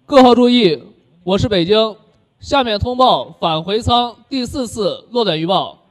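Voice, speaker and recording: A very high-voiced man works as a mission control dispatcher. He delivers formal radio callouts in a procedural way, spelling figures out digit by digit and repeating them. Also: expressive, moderate pace.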